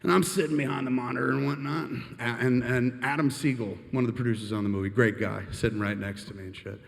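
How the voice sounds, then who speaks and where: A man telling a comic anecdote on stage in an animated, profane, rambling, self-mocking way. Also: medium pitch, quick pace, vocal fry, big-room sound. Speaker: storyteller on stage.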